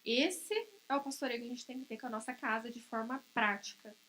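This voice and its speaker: A woman in her thirties giving a church talk, telling family stories and softly acting out what was said. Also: fairly high pitch, fairly even intonation, brisk, a little hiss or hum. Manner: tells homely anecdotes, acting out dialogue softly. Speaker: pastor's wife preaching. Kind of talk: sermon with personal story.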